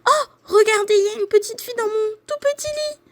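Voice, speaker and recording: A squealing tiny bear cub. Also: female voice, extremely high pitch, fast, background noise, voice pushed up. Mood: shrill. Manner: piercing, squealing cries.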